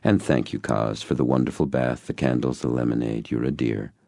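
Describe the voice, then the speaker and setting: A man reading an audiobook and voicing a warm, playful older woman who teases and takes charge. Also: a bass voice, fairly even intonation, brisk, gravelly, dry recording, studio quality.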